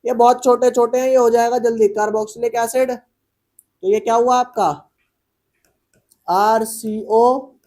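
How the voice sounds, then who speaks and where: A man's voice: very high-pitched, steady tone, slow pace, long pauses, darkish tone. A male teacher giving a casual chemistry lecture, quizzing the class over and over and answering himself in a slangy, teasing way.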